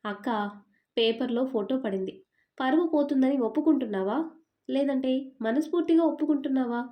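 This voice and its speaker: A woman's voice: high voice, fairly quick, highs cut off, natural voice. Woman voicing an indignant young sister, storybook. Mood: accusing. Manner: indignant, accusing questions.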